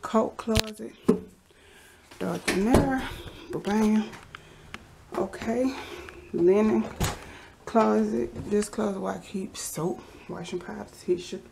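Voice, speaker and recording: A woman with a gravelly, medium-pitched voice chats casually as she walks a handheld camera through the basement and hallways of her house, giving a vlog-style tour. She talks slowly and relaxed, pausing often and sometimes dropping into a whisper. The background is noisy.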